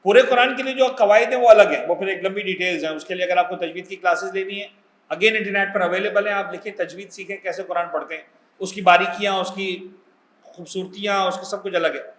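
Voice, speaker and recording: High-voiced man lecturing a pilgrimage class. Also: a bit bright, echoey room. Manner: conversational, mixes English words, asks the audience questions. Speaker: cleric teaching a pilgrimage class.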